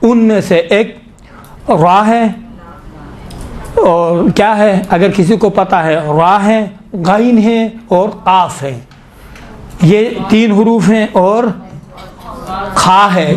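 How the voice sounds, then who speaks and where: A man teaching tajweed in a lesson, explaining rules, quizzing students and slowly demonstrating recitation. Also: high voice, darkish tone.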